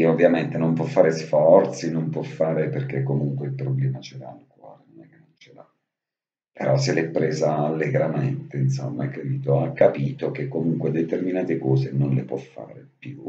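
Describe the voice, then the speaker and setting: A man talks in a casual, heartfelt monologue, circling back to the same words and dropping the odd swear. His voice sits very low and dark. The recording is dull and lo-fi, with a roomy echo. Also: gravelly, slight background noise. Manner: affectionate, repetitive, swears casually. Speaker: vlogger speaking to his absent brother. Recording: dull lo-fi audio in an echoey room.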